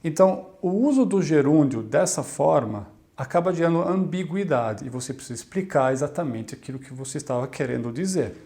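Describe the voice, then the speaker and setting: A man, teaching a scripted video lesson and slowing down to model words clearly. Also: a little high, animated, dark tone. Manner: clear, deliberate, slows down to model Italian words. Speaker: Italian language teacher.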